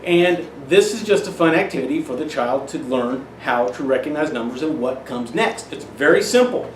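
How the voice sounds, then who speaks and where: A man's voice: on the high side, expressive, normal speed. A middle-aged man giving parents casual, folksy tips on teaching children numbers, often restarting his phrases. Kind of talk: casual instructional demonstration. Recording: roomy echo, off-mic, faint hiss.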